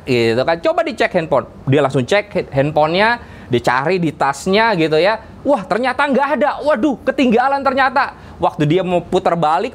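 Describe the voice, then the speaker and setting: A man preaching a sermon as pastor in a church, with an Indonesian accent, acting out dialogue in a lively, raised voice. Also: fairly high pitch.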